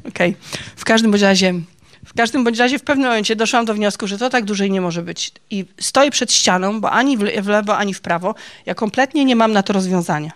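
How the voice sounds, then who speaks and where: A woman's voice: medium pitch, fast talker. Chatty woman sharing a faith testimony. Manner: chatty and confiding, ends phrases with "nie?"; laughs at her own stories. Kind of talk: personal faith testimony talk.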